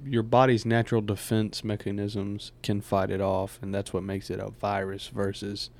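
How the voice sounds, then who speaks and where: A man's voice: on the low side, flat delivery, normal speed, a little mellow. A man co-hosting a podcast in casual chat, asking questions and rambling a little, laughing easily.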